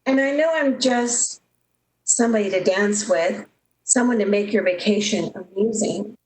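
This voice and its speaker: In a melodramatic, emotive 1930s-style radio drama, a woman voices a heartbroken young switchboard operator who is lovestruck and proud, her mood hurt and proud. Her mid-range voice is a little mellow, unhurried and close to everyday speech, recorded with roomy echo and background noise.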